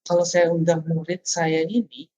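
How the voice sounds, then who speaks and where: A man's voice: on the high side, fairly even intonation, normal speed, darkish tone, no echo, dull audio. A man co-hosting a teacher training webinar, playfully putting questions to the trainer. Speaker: co-host.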